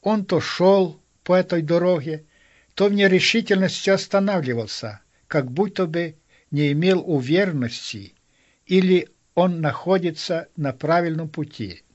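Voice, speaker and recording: A pastor delivers a sermon in a very slow, measured voice, pausing often between phrases. His voice sits a bit high for a man. The recording sounds dull and lo-fi. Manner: slow, measured storytelling with many pauses.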